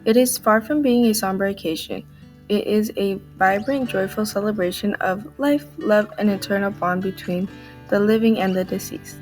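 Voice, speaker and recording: A woman's voice: medium pitch, normal speed, darkish tone, soft background music. A teenage woman presenting a scripted explainer in an earnest tone. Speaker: student presenter. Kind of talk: read explainer.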